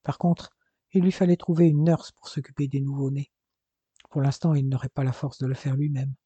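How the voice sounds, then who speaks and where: A man reading a dramatic novel aloud in measured, scripted narration. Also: mid-range voice, little pitch movement, dark tone, breathy edge, no echo. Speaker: audiobook narrator. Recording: dull, dry lo-fi recording.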